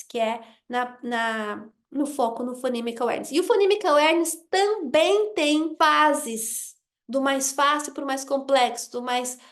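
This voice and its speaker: A woman teaching early literacy over a video call, explaining step by step and slowing down to model sounds and words. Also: sits high, a bit bright. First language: Portuguese. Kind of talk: online class explanation.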